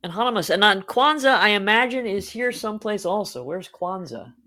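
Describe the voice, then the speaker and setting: A woman's voice: mid-range voice, expressive, brisk, pushed and bright. A woman hosting a podcast in casual chat, cheerful and chatty, reading out listener comments. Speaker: podcast host.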